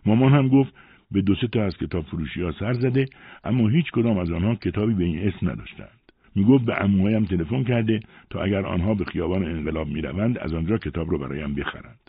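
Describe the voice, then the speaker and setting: Deep husky male storyteller. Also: no echo. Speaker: audiobook narrator. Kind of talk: first-person story narration. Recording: dry, phone-like narrow sound.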